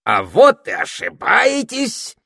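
Male narrator voicing a sneaky toad spy, shrill and wheedling, loud. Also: very animated, moderate pace, no room sound, studio quality. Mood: boastful. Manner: whiny, wheedling, cocky.

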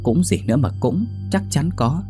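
A man's voice: low-pitched, expressive, moderate pace, a little mellow, soft background music. A man voicing a frightened young woman recounting a ghost sighting, talking in a rush that climbs into alarmed near-shrieks. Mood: insistent.

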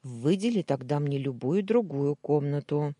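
A reader voicing a frightened young woman who pleads and protests, in an audiobook, plaintive and husky. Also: medium pitch, animated, unhurried, dark tone, no echo, studio quality. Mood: pleading. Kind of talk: audiobook dialogue reading.

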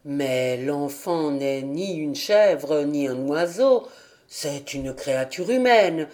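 An audiobook reader voicing an earnest village pastor who speaks in a measured, persuasive way. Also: mid-range voice, animated, darkish tone. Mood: firm. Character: earnest village pastor, middle-aged man. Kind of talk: audiobook character reading.

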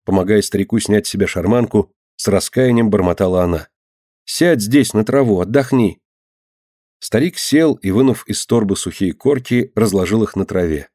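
A man narrating an audiobook in an even, measured storytelling voice. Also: fairly low pitch, no room sound, clean studio sound.

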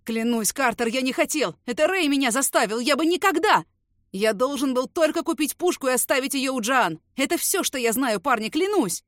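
A cowardly young man wails and begs through tears, voiced by a woman reading aloud. His voice is pitched high and pushed loud. The sound is close and dry. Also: animated, a little fast, dry recording. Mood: sobbing. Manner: wailing, pleading, crying.

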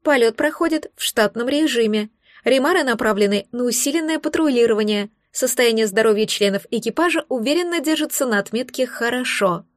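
A woman voicing a sardonic female android ship assistant who reports in a crisp, matter-of-fact way. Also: fairly high pitch, a little fast, no echo, studio quality, close to an everyday voice. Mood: dry.

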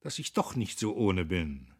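A man voicing a pompous, bullying young factory heir who barks his orders in a husky voice. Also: low-pitched, sing-song, a little slow, full character voice. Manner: barking, self-important.

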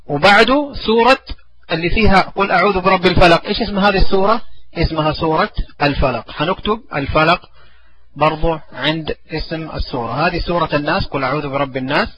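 Bright-voiced man teaching a class. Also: a little high, husky, low-quality recording. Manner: repeats verses slowly for the pupil to follow; asks the pupil questions, then answers them. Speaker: religion teacher. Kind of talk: classroom lesson.

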